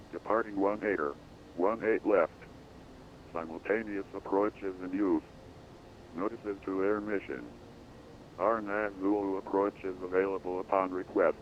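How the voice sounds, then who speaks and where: A man reading an automated airport weather broadcast in an even, measured delivery, listing wind, visibility, ceiling and runway numbers. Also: low-pitched, poor audio. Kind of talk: recorded information readout.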